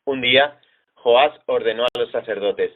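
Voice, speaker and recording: Spanish man, mid-pitched, measured Bible reading, phone-quality audio. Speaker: Bible reader. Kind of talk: steady scripture reading.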